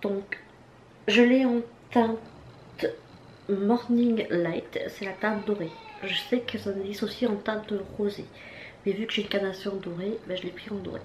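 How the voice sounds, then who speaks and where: A woman's voice: medium pitch, steady tone, normal speed, a little mellow. Woman chatting through a makeup haul. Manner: chatty, hesitant with many fillers and restarts. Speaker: beauty vlogger. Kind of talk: casual makeup haul review. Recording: echoey room with faint background noise.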